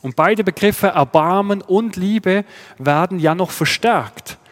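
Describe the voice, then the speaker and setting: Preaching slowly with a Swiss German accent, a male pastor from Switzerland explains his points steadily and asks rhetorical questions. His voice is pitched slightly above the typical male range, and the audio has a long reverb like a church hall.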